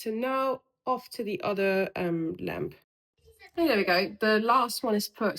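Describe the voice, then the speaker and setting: A young woman with a mid-range, fairly bright voice casually talks through the renovation of her own home in a DIY vlog. She explains each step with plenty of ums, speaking indoors in a room under renovation, and the audio quality is poor.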